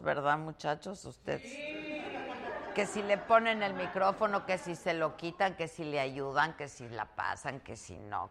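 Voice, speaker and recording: Slow-talking woman hosting live. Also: fairly low pitch, creaky. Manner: chatty, teasing, trailing repetitions. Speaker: talk show host. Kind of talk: live casual hosting, reading viewer greetings. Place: hotel on the Mexican Caribbean coast.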